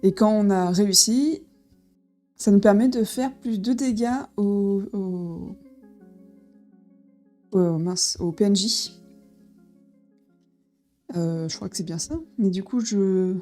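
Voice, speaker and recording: A woman talks through a board game she is unboxing, in a casual, halting way full of fillers and restarts. Her voice sits at an ordinary middle pitch. Soft background music plays faintly behind her. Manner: hesitant, many fillers and restarts.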